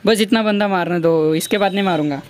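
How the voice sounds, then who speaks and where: A man's voice: high-pitched, fairly quick, no echo. A man playing as a teammate, tossing short, teasing remarks over casual voice chat. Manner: teasing, offhand replies. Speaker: teammate in the game.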